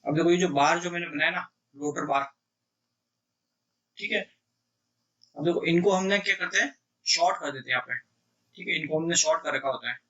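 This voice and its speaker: Reading English exam questions aloud slowly, a man teaches electrical engineering exam prep in a blend of Hindi and English, often pausing to ask "clear?" He has a fairly high pitch and sharp tone. He's recorded from a distance, with the high frequencies cut off.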